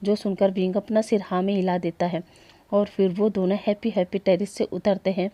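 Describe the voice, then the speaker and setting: A woman narrating a fan fiction story in a steady, plain retelling manner. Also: medium pitch, fairly quick, no echo.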